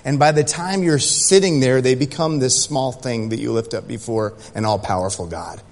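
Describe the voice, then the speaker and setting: A man's voice: mid-range voice, normal speed. A man preaching a sermon as pastor, speaking emphatically to his congregation. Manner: building from quiet prayer to loud, emphatic preaching. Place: church sanctuary. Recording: long hall reverb.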